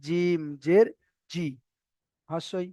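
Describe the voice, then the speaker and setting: A man teaching Arabic letter pronunciation in an online lesson, slowly repeating each letter with its vowel mark. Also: sits high, fairly even intonation, warm tone, no echo. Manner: slow drilling of letter sounds, repeating each pair. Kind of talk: online Quran reading lesson.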